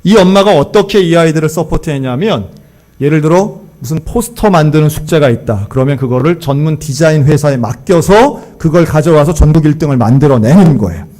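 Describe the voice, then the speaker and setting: A man preaching a sermon, telling a story and acting out the quoted lines in lively voices. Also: fairly high pitch, fairly quick. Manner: animated, acts out quoted dialogue. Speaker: pastor.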